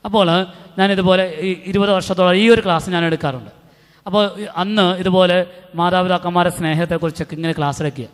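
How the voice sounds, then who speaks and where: A middle-aged man from Kerala with a Malayali accent, giving an animated retreat talk to youth and acting out the people in his stories. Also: high voice. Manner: animated storytelling with acted quotes. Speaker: retreat preacher. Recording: long hall reverb.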